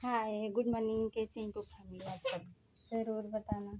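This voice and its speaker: A young woman vlogging casually, coaxing her pet in loud, high baby talk between asides to her viewers. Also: fairly even intonation, normal speed, muffled recording, slight background noise. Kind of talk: casual vlog talking to a pet.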